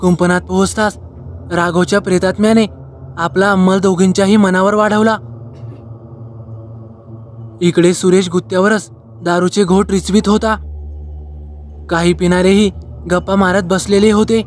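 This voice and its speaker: A man narrating a horror story in a slow, measured style, phrasing it in short lines. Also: high voice, flat delivery, a little hiss or hum.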